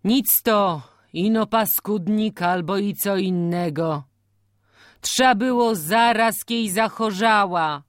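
A woman's voice: on the low side, slow, no room sound, studio quality, pitched above the performer's own voice. Pompous old village man, put on by a woman narrator, scornful, solemn, country dialect, storybook. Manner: solemn, contemptuous dialect speech.

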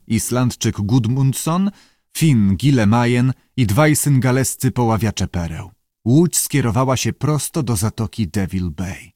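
A man reading an audiobook in measured, even storytelling narration. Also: medium pitch, no room sound, clean studio sound.

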